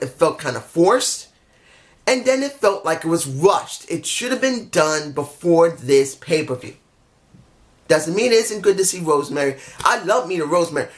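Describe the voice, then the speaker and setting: Hoarse and losing his voice, a man with a somewhat high voice gives a casual, opinionated review of a wrestling show. He rambles, keeps restarting his sentences, and comes across honest and a little frustrated.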